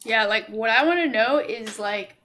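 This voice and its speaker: A woman's voice: fairly high pitch, moderate pace, bright, forceful tone, slight background noise. A woman hosting a podcast, playful and giggly in casual chat. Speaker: podcast host.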